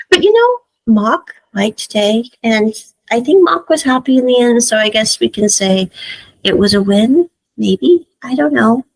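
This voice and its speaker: A woman's voice: a little high, sing-song, a little slow, creaky, rough recording. A woman giving a chatty recap of a drama series, laughing often and acting out the characters' lines. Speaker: series reviewer. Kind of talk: casual recap and commentary.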